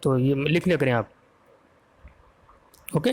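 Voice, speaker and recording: This Indian-accented man teaches English vocabulary for an exam, spelling words out one letter at a time and frequently checking that his students are following. His voice is medium in pitch and a little mellow, and he speaks slowly.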